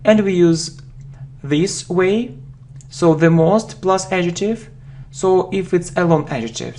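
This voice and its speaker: Woman teaching grammar, super slow, says every example twice, typing in the background. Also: deep voice, a little mellow. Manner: slow and deliberate, repeats example words. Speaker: English teacher. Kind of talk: slow spoken grammar lesson.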